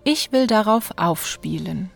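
A woman voicing a calm young man who gives careful, measured advice in a storybook. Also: mid-range voice, vocal fry, soft background music. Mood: agreeable.

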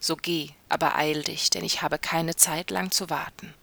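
A woman's voice: low voice, fairly even intonation, normal speed, gravelly, pushed and bright, no room sound, exaggerated voice. A woman reading a fairy tale aloud, voicing a stern, threatening nobleman who murders his wives. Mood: wrathful. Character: menacing wife-killing nobleman, Bluebeard. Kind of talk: storybook reading.

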